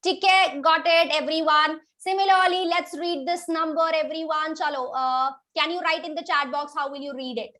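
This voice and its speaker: A woman with an Indian accent teaching an online children's maths class, briskly urging her pupils along and dropping in Hindi interjections. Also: high voice, steady tone, a bit bright.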